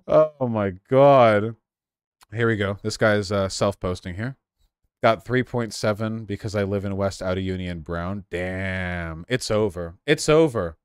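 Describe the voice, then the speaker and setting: A man's voice: fairly low pitch, fairly even intonation, smooth, no echo, clean studio sound. Sarcastic man streaming. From Los Angeles, USA. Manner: sarcastic, laughing, swearing, quick asides. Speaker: streamer reacting to videos. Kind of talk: casual live-stream commentary.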